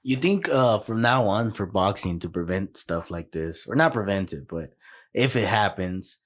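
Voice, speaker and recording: A man with a low voice on a casual sports podcast, slangy and loose-mouthed with the odd curse. He keeps tossing questions to his friends. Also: expressive, normal speed. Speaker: podcast co-host.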